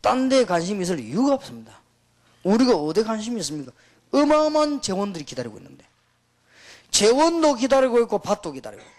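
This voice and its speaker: A middle-aged man, preaching to pastors in an emphatic, storytelling way. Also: high voice. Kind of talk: sermon to pastors.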